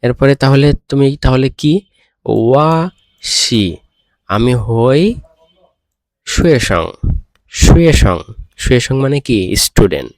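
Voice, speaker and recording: Slow, patient male language teacher. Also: medium pitch, animated, dry recording. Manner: patient, repeats and checks understanding. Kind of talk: classroom lesson explanation.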